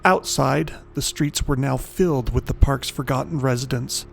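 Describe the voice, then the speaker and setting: A man reading a scripted horror story in a measured, dramatic storytelling style. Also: medium pitch, creaky, soft background music.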